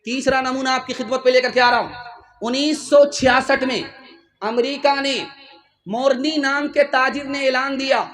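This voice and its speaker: A man preaches a sermon at a religious gathering in an unusually high voice. He talks in a fervent, rhetorical way and calls on his listeners to raise their hands. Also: fairly even intonation, fairly bright tone. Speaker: maulana preacher.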